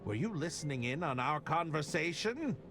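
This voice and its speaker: A man's voice: fairly high pitch, big pitch swings, moderate pace, fairly bright tone, a little hiss or hum. A man playing an earnest, awkward, politely inquisitive novelist detective in a comedic game. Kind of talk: comedic adventure game acting.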